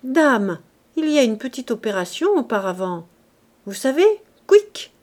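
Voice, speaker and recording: A woman reading aloud, voicing an old drunken male undertaker's helper who speaks loudly and bluntly. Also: fairly high pitch, expressive, moderate pace, natural voice. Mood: mocking.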